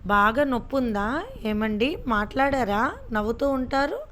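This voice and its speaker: Woman voicing a pouty wife in a storybook serial, fussy and quick to scold, bit high voice. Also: a bit bright, slight background noise. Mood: complaining. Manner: pouting, complaining, quick-tempered. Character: childlike fussy middle-aged wife, scolding and doting.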